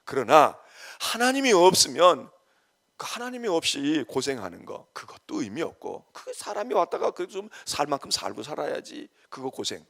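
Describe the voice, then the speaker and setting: A male pastor delivering an early-morning sermon, swinging from emphatic preaching to quiet acted-out asides. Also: a little high, moderate pace, gravelly. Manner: animated preaching that drops to soft, quoted asides. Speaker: senior pastor. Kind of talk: dawn service sermon.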